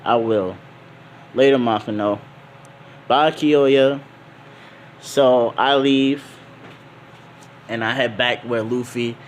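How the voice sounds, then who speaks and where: A man's voice: medium pitch, steady tone, slow pace, pauses often, slight background noise. A young man casually telling a made-up fan story, laid-back and slangy, rambling with lots of ums.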